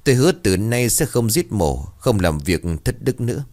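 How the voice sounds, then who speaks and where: A man's voice: lowish voice, big pitch swings, moderate pace, a little mellow. A man voicing a frightened, tearful housewife. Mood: emotional. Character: frightened tearful middle-aged woman homeowner.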